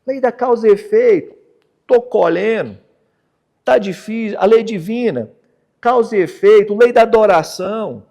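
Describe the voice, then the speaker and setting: A man with a Brazilian Portuguese accent giving a conversational Spiritist lecture. He keeps checking in with the audience and moves from animated emphasis to a soft, low close. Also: measured pace, gravelly. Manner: conversational preaching, tag questions. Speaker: speaker at a Spiritist center.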